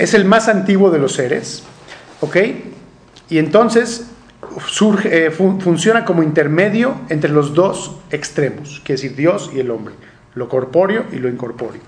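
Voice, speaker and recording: A man with a somewhat high voice lectures to a class, working through each point and asking questions back to keep the students with him. The recording carries the echo of a roomy classroom. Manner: explanatory, checks in often with rhetorical questions. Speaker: teacher.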